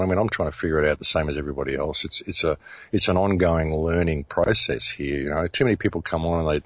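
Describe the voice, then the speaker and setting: A man's voice: rumbling low, breathy edge, dry recording, dull audio. A middle-aged Australian man, a radio host, telling his story in a casual interview with many restarts and fillers.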